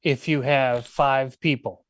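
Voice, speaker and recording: A brash male morning-show co-host, delivering opinions emphatically in casual banter. His voice sits at a middle pitch, with a dry, close sound. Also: fairly even intonation, takes it slowly, dry recording.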